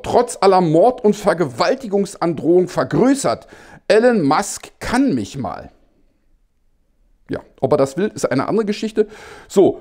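A male satire host with a voice that sits a bit high for a man. His delivery is very animated, with big swings in pitch. He talks in an ironic, mock-innocent tone and keeps dropping in chuckles between remarks. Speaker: satirical news show host. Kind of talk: satirical news commentary.

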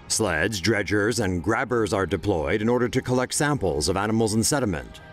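Man, news voice-over, lowish voice, wry and playful, faint music behind. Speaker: news narrator.

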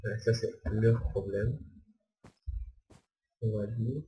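A man's voice: fairly low pitch, steady tone, slow pace, dark tone, poor audio. A young man giving rambling, hesitant commentary while playing a game, repeating himself often. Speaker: gamer. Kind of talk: casual gameplay commentary.

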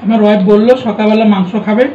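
A man's voice: sits high, level tone, racing, recorded from a distance, slight background noise. A husband chatting casually on an eating show while chewing his food, teasing and speaking straight to the viewers. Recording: tinny phone-like sound, roomy, off-mic.

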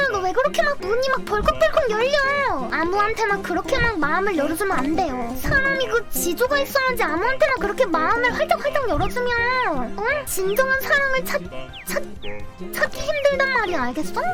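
A woman's voice: very high-pitched, expressive, a little fast, over loud music. A woman streaming a game live, chatting with her viewers and shrieking and wailing whenever things go wrong. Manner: shrieks and wails at mishaps, chatty with chat.

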